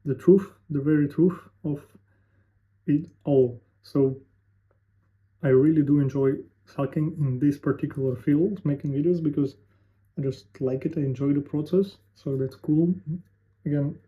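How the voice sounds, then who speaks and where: On tinny, lo-fi audio, a man in his 20s vlogs without a script, thinking out loud in a halting, musing way full of fillers. His voice sits on the high side, and his intonation stays fairly even.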